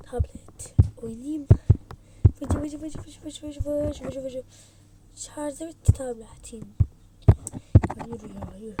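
A young woman with a high voice plays a game with a friend and acts out little scenes. She teases and bickers, loud one moment and whispering the next. Heavy noise runs under the whole recording. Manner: bickering, teasing, switching between loud shouts and hushed whispers. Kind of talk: playful Toca Boca role-play with a friend.

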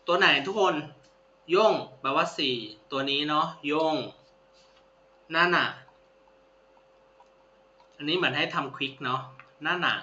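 With a voice on the high side, pushed and bright, a man teaches a language lesson in classroom style, unhurried and leaving long pauses. He patiently repeats each word and praises his students. The sound is roomy and dull lo-fi with a faint hum.

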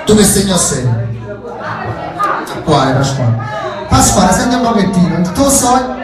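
A man with a Neapolitan accent hosting as a theatrical bingo caller, boisterous and teasing, often shouting, on a microphone in a hall. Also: high voice, sing-song, moderate pace, recorded from a distance. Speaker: bingo caller and host of a live Neapolitan tombola show. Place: echoey library hall with seated audience. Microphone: handheld PA microphone, filmed from the audience. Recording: echoey amateur recording, music and crowd noise. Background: music and loud crowd.

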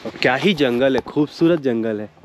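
A man narrating a casual travel vlog talks at a moderate pace in a mid-range voice as he heads from the outdoors into a limestone cave. He's chatty, mixing English phrases and excited exclamations into his speech, with slight background noise.

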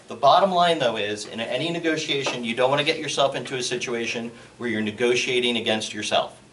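Halting man speaking from a distance. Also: mid-range voice, a bit bright. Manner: halting, careful, many repeated words. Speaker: school board member. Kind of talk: public meeting statement. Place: public meeting room. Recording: distant mic, faint noise.

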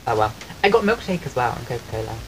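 A man with a soft voice that people often take for a woman's, chatting casually on a live stream at home and thanking his viewers. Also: medium pitch, big pitch swings, fast. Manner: chatty and rambling, thanks viewers while eating. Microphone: desk microphone. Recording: clear background noise on the stream mic.

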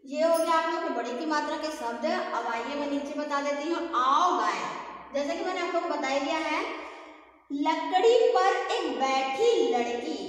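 A woman teacher giving a recorded lesson to young children, patiently explaining and slowly drawing out each syllable, mixing English words into her Hindi. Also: high-pitched, a bit bright. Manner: slow, drawn-out syllable-by-syllable reading. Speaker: primary school teacher. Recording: echoey room with long reverb.

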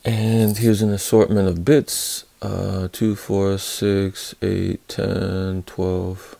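Slow, gravelly-voiced man reviewing tools. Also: low-pitched, little pitch movement, dark tone, no room sound. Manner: unhurried, hesitant, many fillers and restarts. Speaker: tool reviewer. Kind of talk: casual hands-on product review.

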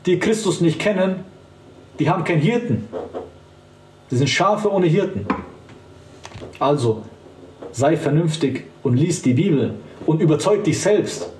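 Emphatic male evangelist, fairly high voice, picked up from some distance. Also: lively intonation, a little slow, long pauses, a little mellow, slight background noise. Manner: fervent, emphatic, addresses the listener directly. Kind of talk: street-style preaching to camera. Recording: roomy sound, voice from a distance.

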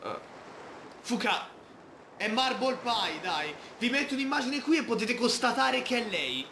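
A man's voice: very high-pitched, sing-song, unhurried, pushed and bright, roomy sound, slight background noise. A man playing a video game, chatting playfully and reading the game's text aloud. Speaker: gamer. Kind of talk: Let's Play commentary.

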